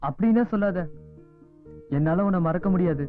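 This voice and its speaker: A man's voice: high-pitched, moderate pace, lightly acted. A man dubbing a devoted, desperate teenage schoolboy in film dialogue, speaking in an earnest, pleading way. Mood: yearning. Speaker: dubbing actor. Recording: tinny lo-fi film audio with music score.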